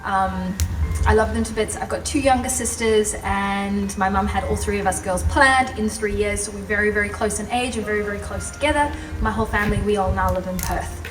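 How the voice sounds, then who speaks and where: A young South African woman shares her personal story as a guest speaker at a live event, talking fairly quickly in a mid-range voice with hardly any pauses. She's passionate and chatty and laughs often. The recording is roomy and distant, with music behind her.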